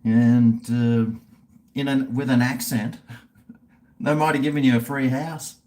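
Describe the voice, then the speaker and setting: A man's voice: medium pitch, steady tone, unhurried, darkish tone. A middle-aged man, rambling casually on a livestream in a blokey, laid-back, sweary way. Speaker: livestream host. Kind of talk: casual rambling livestream chat while drinking beer.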